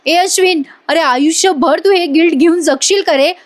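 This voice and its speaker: A woman's voice: extremely high pitch, normal speed, pitched above the performer's own voice. A woman voicing a desperate young wife in a TV serial recap, pleading and stammering over repeated words.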